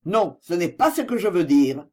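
A man's voice: high voice, very animated, normal speed. A reader voicing a bitter, jealous man in an audiobook, speaking sharply and sarcastically in a raised, strained voice. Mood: angry. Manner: sharp, sarcastic and pleading by turns. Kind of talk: audiobook dialogue reading.

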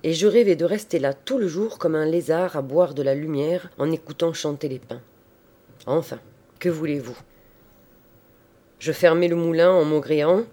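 A man narrating a literary story in a measured, expressive audiobook style. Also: a little high.

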